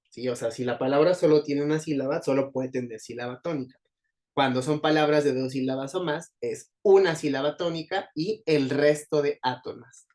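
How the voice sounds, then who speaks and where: A man's voice: mid-range voice, darkish tone. A man with a Mexican Spanish accent teaching an exam-prep class, explaining patiently and checking in often with his students. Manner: explains patiently, stresses syllables aloud, frequent "¿sí?" checks. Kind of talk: online class lecture.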